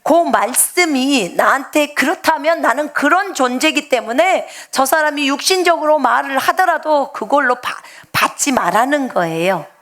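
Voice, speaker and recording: A woman missionary preaching an afternoon sermon in a lively, joking way, speaking straight to her congregation and swinging between loud emphatic lines and soft asides. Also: high-pitched, moderate pace, hardly any pauses.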